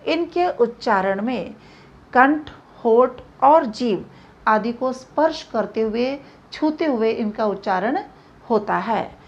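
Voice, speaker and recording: A woman teaching a grammar lesson, speaking slowly and deliberately and spelling out each example. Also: a little high, animated. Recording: dull lo-fi recording.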